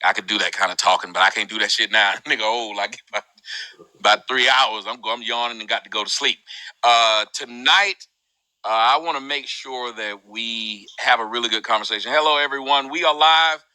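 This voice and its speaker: A man hosting a live group discussion in casual, animated talk, his voice jumping high when he mocks. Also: brisk, clear, resonant tone, dry recording, poor audio. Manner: animated, swings high and loud when mocking.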